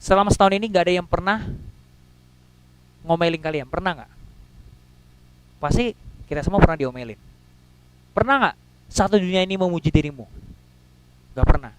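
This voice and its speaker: A man preaching a sermon in a casual, slangy way, swinging between loud and soft and acting out quotes. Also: high voice, moderate pace, long pauses, clear, resonant tone, poor audio.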